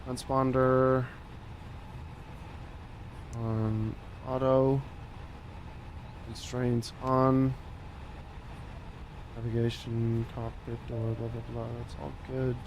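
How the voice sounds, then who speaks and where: A man running a flight sim cockpit, reading checklist items and making radio calls to a controller over a headset mic, halting and full of fillers. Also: medium pitch, level tone, darkish tone, slight background noise. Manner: slow, halting, with many fillers and restarts. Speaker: flight simulator pilot.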